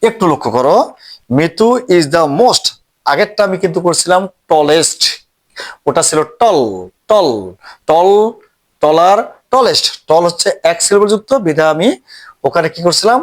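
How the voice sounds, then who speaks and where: A man teaching an English grammar lesson, speaking slowly and repeating each word as he writes it out. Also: fairly high pitch. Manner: slow, repeats each word while writing it out.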